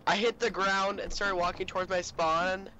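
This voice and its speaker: A young man hosting a casual gaming session, chatting excitedly with a friend and repeating himself when reacting. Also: high voice, normal speed, lo-fi sound. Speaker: gamer and channel host.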